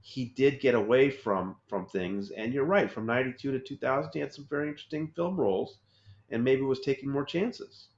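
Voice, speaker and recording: A man's voice: mid-range voice, a little fast. A man hosting a podcast in casual interview chat, conversational and steering the questions. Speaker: podcast host. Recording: roomy, dull lo-fi sound.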